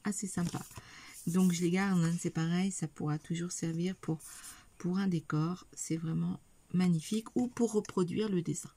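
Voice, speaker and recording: A middle-aged woman talks her viewers through a craft haul, holding up each item. She speaks slowly and hesitantly, with many fillers, in a slightly husky, mellow, lowish voice. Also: steady tone. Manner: talks to viewers while showing items. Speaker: craft vlogger. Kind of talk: casual craft haul video.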